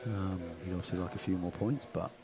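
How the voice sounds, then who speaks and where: A man with a fairly low voice and an English West Country twang commentates live on speedway. He talks in an informal, conversational way, as if thinking aloud. The noise of a stadium crowd is clearly heard behind him. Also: fairly even intonation, fairly quick. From West Country, England. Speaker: speedway commentator and stream host. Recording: crowd noise at outdoor venue.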